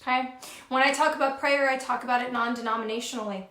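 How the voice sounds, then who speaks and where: A woman's voice: sits high, fairly even intonation, fast, pushed and bright. A woman co-hosting a motivational pep talk, encouraging and stacking up repeated phrases for emphasis. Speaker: co-host. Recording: roomy echoey sound.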